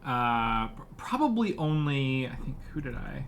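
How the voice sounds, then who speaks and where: A man narrating a tabletop game as game master, improvising haltingly as he describes the scene. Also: medium pitch, very animated, creaky, a bit bright. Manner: halting, searching for words as he describes. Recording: slightly noisy room recording.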